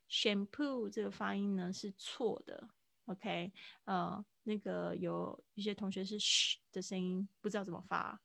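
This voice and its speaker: An English teacher with a medium-pitched, gravelly voice patiently explains English phrases to students during a live online class. The recording is dry and close, with no room sound.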